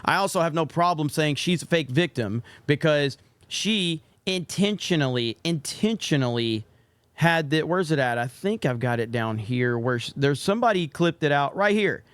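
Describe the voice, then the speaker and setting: A man's voice: on the high side, animated, moderate pace, fairly bright tone, smooth, no echo. A man giving casual, opinionated commentary on gaming clips in a blunt, sarcastic, sweary manner.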